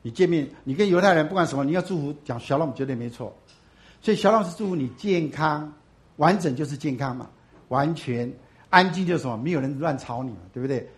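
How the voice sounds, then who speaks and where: A pastor preaching to his congregation. He asks questions and answers them himself, swinging from loud emphatic bursts to low, soft asides. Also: lively intonation, fast. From Taiwan. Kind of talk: sermon.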